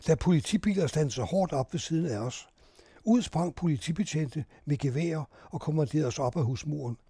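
Calm man narrating a war report. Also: a little high, slightly rough, no room sound, clean studio sound. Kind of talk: first-person reportage narration.

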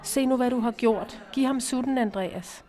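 A woman reading the lines of a tired, patient mother in an audiobook, in a soft, placating tone. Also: fairly high pitch, voice pushed up, lightly acted. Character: weary, patient mother of several children.

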